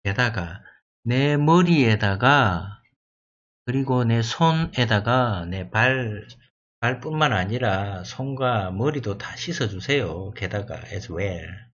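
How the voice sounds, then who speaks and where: A man teaching through Bible exam questions, reading English verses slowly and explaining them in his own words, thinking aloud as he goes. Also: mid-range voice, animated, a bit bright, lo-fi sound. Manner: slow, deliberate reading of English verses with Korean glosses; thinks aloud and corrects himself. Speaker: exam prep lecturer.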